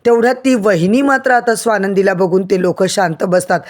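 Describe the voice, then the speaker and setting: A woman's voice: medium pitch, steady tone, fairly quick. A woman narrating an episode recap of a TV serial, addressing viewers directly in a storytelling manner.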